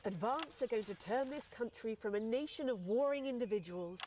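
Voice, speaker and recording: A woman's voice: on the high side, brisk, darkish tone, a little hiss or hum, natural voice. An actress playing a female party leader with a British accent, giving a rousing victory speech. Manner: rousing, declamatory.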